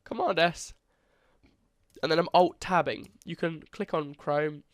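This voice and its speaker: A congested young man gives a casual, chatty screen-recorded coding tutorial, correcting himself as he goes. His voice is on the high side and a little slow, recorded dry with studio quality.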